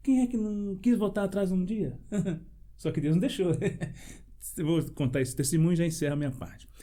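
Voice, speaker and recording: A pastor speaks in a high but mellow voice. He preaches with emphasis and keeps asking rhetorical questions. He lets out short laughs between phrases while he tells his testimony. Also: moderate pace. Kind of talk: preaching in a panel debate.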